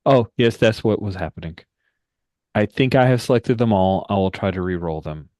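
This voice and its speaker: A man's voice: lowish voice, moderate pace, a little mellow, dry recording, studio quality. A man playing a tabletop game online, hesitant and asking questions while describing his character's actions. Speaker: player. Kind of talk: tabletop roleplaying chat.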